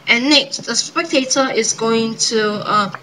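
A young woman casually presenting a card trick, improvising her patter in a hesitant, halting way. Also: on the high side, sharp tone. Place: indoors at a table. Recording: noisy home webcam-style recording.

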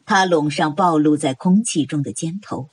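A woman narrating a novel audiobook in an expressive, dramatic storytelling manner. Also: deep voice, normal speed, husky, no echo.

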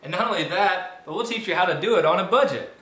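A man's voice: high-pitched, expressive, fast talker, bright, forceful tone. A young man co-hosting a goofy homemade cooking show sketch, hammy and over the top, recorded in a home kitchen on a camera mic. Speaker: comedy cooking show co-host. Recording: echoey kitchen, camera at a distance, faint hiss.

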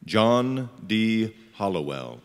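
A man reading graduates' names at a commencement ceremony, slowly and deliberately, one name at a time. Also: lowish voice, big pitch swings. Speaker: name reader. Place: large auditorium. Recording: long hall reverb.

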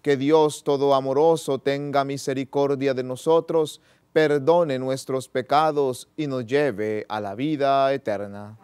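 Slow, smooth-voiced priest leading Mass. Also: male voice, medium pitch, steady tone, darkish tone. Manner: slow solemn liturgical recitation. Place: small chapel indoors.

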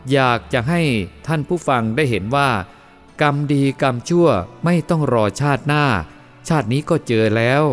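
A man reading a first-person moral story aloud as the storyteller, in a steady, measured way. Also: mid-range voice.

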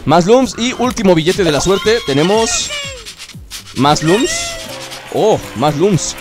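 A young man, chatting excitedly as he plays through a video game and cheers himself on. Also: high-pitched, slow. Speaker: gaming YouTuber. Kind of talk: let's play commentary. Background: game music.

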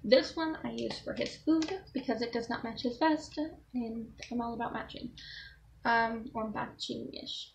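A young woman with a fairly high voice chats loosely to her camera, showing off gear with lots of ums and restarts. A faint hiss sits under her casual vlog talk. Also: fairly even intonation, a little slow, gravelly. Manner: rambling, self-correcting, with frequent ums. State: has the hiccups. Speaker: vlogger with a service dog. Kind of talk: casual show-and-tell vlog.

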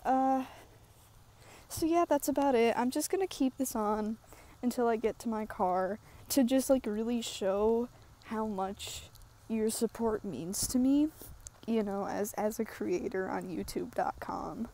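A young woman with a slightly high voice rambles through a casual walking vlog, filling her sentences with ums and likes. Her humor is dry and self-mocking, and she sounds a little winded from walking. She talks outdoors into an earbud headset mic. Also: unhurried. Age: young adult. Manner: rambling, filler-heavy, self-deprecating, deadpan humor. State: slightly out of breath from walking uphill. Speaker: YouTuber. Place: outdoors at the edge of woods. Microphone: wired earbud headset mic, phone held low.

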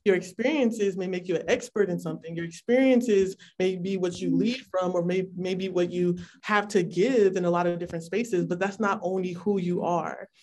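A woman in her twenties from California, speaking as an interview guest over a video call in an articulate, measured and earnest way. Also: lowish voice, fairly even intonation, darkish tone. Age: 20s. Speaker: policy intern, advocate.

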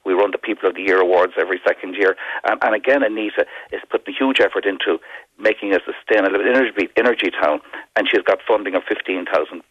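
A fast-talking man with a west of Ireland accent gives a radio interview. His voice is low and husky, and he often doubles back on his words. The sound is dull and band-limited. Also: dry recording. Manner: hesitant, repeating words as he goes. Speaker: community development company representative, interview guest.

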